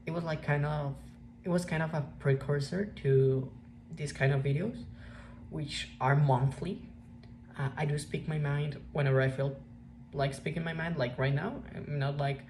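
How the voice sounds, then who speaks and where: A young woman with a Mexican accent, native Spanish speaker, talking through a reflective personal vlog in a halting way with many restarts. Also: a bass voice, rough recording. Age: young adult. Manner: hesitant, halting, frequent restarts and fillers. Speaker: vlogger. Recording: steady background noise.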